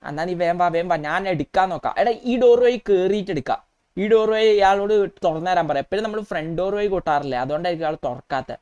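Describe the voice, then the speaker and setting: A woman voicing an excitable, chatty young male street hustler, talking through a game in role-play. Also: fairly low pitch, fast, smooth, highs cut off, natural voice. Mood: excited.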